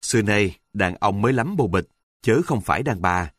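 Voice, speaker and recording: A man telling an earthy, humorous first-person story with a wry, deadpan delivery. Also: fairly low pitch, moderate pace, dry recording, studio quality.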